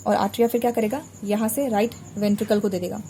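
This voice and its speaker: A woman's voice: medium pitch, steady tone, quick pace, dark tone, slight background noise. A woman teaching a biology revision lesson while drawing a diagram, patiently repeating terms so students remember them. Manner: patient, repeats terms to drill memory tricks. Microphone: recorded while drawing a diagram on a board.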